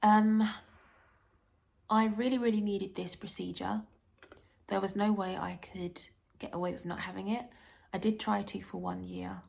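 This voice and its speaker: A woman speaks casually to her vlog viewers while recovering from tonsil surgery. Her throat is dry and sore, and her medium-pitched voice crackles with vocal fry. She talks haltingly, pausing often as she goes. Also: fairly even intonation, a little mellow. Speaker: vlogger. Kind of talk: casual personal health vlog.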